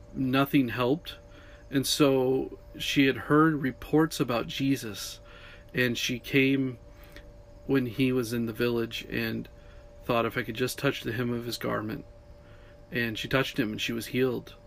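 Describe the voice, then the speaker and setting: Guy podcasting inside a camper van, mid-range voice, casual and halting faith talk. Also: medium pitch, steady tone, gravelly, a little hiss or hum, low-quality recording. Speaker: podcast host.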